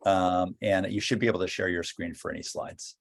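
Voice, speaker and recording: A man's voice: deep voice, steady tone, fairly quick, gravelly, no room sound. A man chairing an online meeting, hesitant with many fillers. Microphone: video call.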